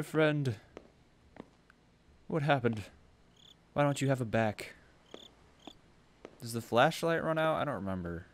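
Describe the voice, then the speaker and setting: A man's voice: on the low side, a little hiss or hum. A man streaming a horror game from his own room, talking to himself, jumpy and swearing often as he plays. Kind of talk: live game commentary.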